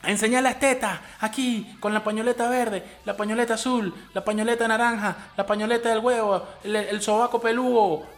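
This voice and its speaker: A man's voice: high-pitched, steady tone, a little fast, hardly any pauses, voice pushed up. A man putting on a mocking, exaggerated voice of a woman activist rallying a crowd.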